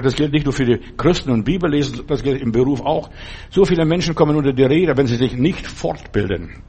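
A man's voice: fairly high pitch, a little mellow, breathy edge. A man preaching a sermon and reading a Bible story, talking in an earnest, fatherly way straight to the listener.

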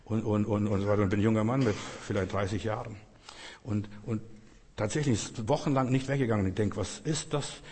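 A man's voice: lowish voice, brisk, a little mellow, a little hiss or hum. A man preaching a sermon in an earnest, repetitive way, speaking directly to his listeners. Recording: long echo of a large hall.

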